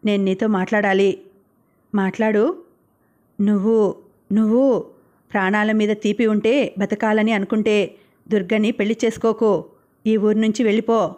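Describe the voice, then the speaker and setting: A woman voicing a drunk, angry young mechanic who makes menacing threats, read in her own flat voice. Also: high voice, normal speed, pauses often, natural voice. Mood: drunk, threatening.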